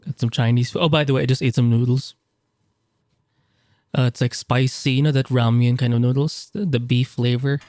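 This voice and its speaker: A man's voice: mid-range voice, fairly even intonation, fairly quick, darkish tone, dry recording. A man giving commentary while playing a horror game, jumpy and nervous, cursing often. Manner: jumpy, swears a lot, nervous exclamations. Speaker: gamer.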